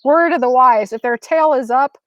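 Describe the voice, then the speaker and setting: Woman, 30s, storyteller, casual and animated, slightly high voice, dry close sound. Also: normal speed, no room sound. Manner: animated, acts out quotes with high bursts; casual, lots of "like". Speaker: speaker. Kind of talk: storytelling talk.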